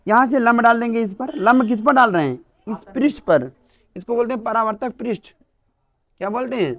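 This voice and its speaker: A man with a north Indian Hindi accent teaching a classroom lesson, dictating slowly and quizzing students with repeated questions. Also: high-pitched. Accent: Hindi-speaking north Indian.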